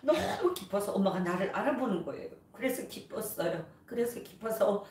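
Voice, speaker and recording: A woman's voice: mid-range voice, expressive, normal speed, a little mellow. A woman from North Korea with a North Korean accent, a missionary telling her faith testimony with emotion and acting out the prayers and voices she quotes. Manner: storytelling, acts out prayers and quotes. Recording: roomy, from a distance, faint noise.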